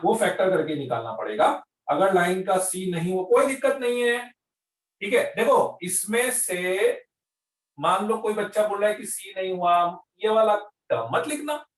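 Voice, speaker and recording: A male maths teacher with a high voice explains slowly and repeats each step, often asking his students whether they follow. He speaks from a distance, and the room echoes around him. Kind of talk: online class lecture.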